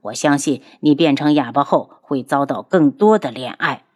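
A woman's voice: rumbling low, normal speed, a little mellow, voice pushed down. A woman voicing a cold, cruel male ghost doctor who sneers out menacing threats.

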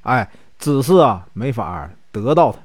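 A man's voice: medium pitch, big pitch swings, moderate pace, husky, no echo, studio quality, voice pushed down. A man doing a spoiled arrogant young nobleman. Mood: haughty. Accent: Northeastern Mandarin.

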